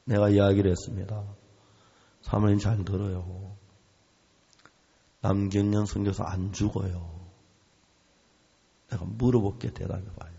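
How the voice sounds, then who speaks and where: Male pastor, sermon, animated storytelling, long hall echo, dull lo-fi sound. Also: fairly low pitch, unhurried, gravelly, long pauses, breathy edge. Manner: animated storytelling, acts out quoted voices.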